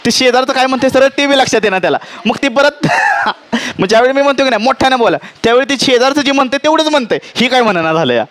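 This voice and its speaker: High-voiced man teaching a class. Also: lively intonation, rapid-fire, few pauses, fairly bright tone. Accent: Marathi. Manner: questioning, checks understanding often; mixes English terms into Marathi. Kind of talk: classroom physics lecture.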